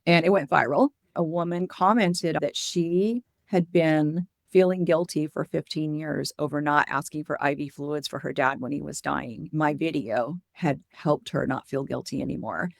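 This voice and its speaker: A woman's voice: deep voice, normal speed, gravelly, hardly any pauses, dry recording, clean studio sound. A woman speaking as an interview guest and hospice educator, telling anecdotes and explaining things in a candid, earnest, conversational way.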